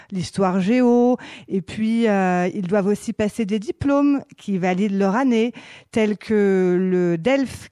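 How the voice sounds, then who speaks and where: A female teacher with a dark, mellow voice explains her program in a measured way, often pausing with hesitations. The sound is dry and close, with no trace of the room. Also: medium pitch, dry recording. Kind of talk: explanatory radio talk.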